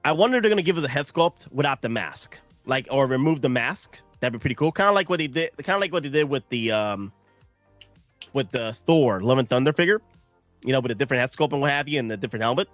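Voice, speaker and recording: On a casual live stream, an American man in his thirties with a Southern accent rambles in a tired, sleep-deprived way, restarting thoughts and tossing asides to viewers. His medium-pitched voice is animated, fast and fairly bright, recorded with no room sound and soft music in the background.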